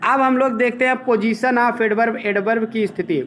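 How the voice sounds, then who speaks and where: A man's voice: very high-pitched, steady tone, measured pace, a bit bright. A man teaching a grammar lesson, explaining step by step and checking in with his students. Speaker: English teacher.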